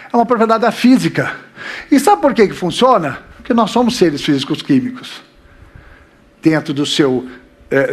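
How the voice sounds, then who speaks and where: A man with a Brazilian Portuguese accent giving a relaxed live lecture, joking crudely, asking rhetorical questions, swinging between loud and soft and checking in with the audience. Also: high-pitched. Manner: constant checks like "tá?" and "né?".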